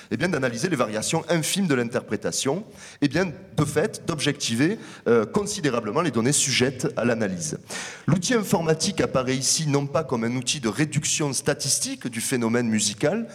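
A man giving an academic conference talk. He presents research findings in a measured, explanatory way. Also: mid-range voice, breathy edge. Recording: long hall reverb.

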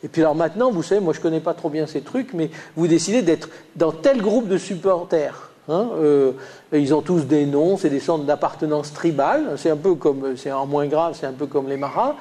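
A man's voice: a little high, normal speed, warm tone. A man from Lyon with a slight Lyonnais accent, giving a classroom lecture with slides, full of hesitations and restarts. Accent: Lyonnais French, slight. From Lyon, France. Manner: hesitant, many "euh" fillers and restarts.

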